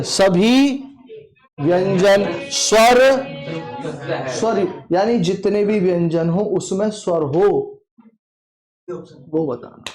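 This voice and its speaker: Slow, emphatic man teaching a class. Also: sits high. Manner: drills students, repeating questions and answers aloud. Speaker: Hindi teacher. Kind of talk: classroom exam-prep lesson.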